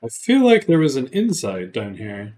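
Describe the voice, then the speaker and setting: A man's voice: medium pitch, huge pitch swings, moderate pace, warm tone, slight background noise. A man giving casual gameplay commentary on a livestream, thinking aloud and joking with his chat. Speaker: streamer.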